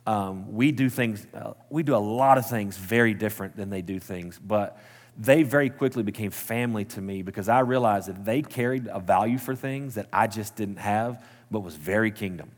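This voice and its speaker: A Texas pastor in his 30s preaches a sermon in a church sanctuary, his fairly low voice at a moderate pace and carrying a big-room sound. He's casual and earnest, often restarting and correcting himself.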